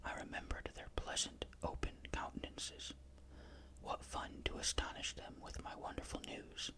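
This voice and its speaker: Whispered ghost story narration. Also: normal speed. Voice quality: unvoiced, breathy whisper.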